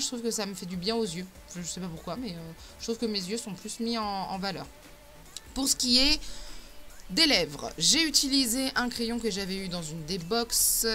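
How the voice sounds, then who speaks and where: A woman's voice: mid-range voice, pushed and bright. A woman beauty vlogger talking through a makeup tutorial in a casual, chatty way, with many fillers and self-corrections.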